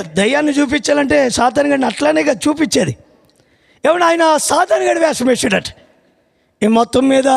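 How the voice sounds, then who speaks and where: A man preaching a sermon as pastor, telling a comic story and shouting praise calls to the congregation. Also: very high voice, creaky. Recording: hall reverb.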